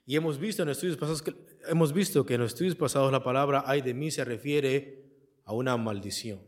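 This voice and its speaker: This pastor preaches through the Bible verse by verse in church, reading each passage aloud and unpacking it. He poses questions and lets the congregation fill in the missing key word, speaking in a mid-range voice.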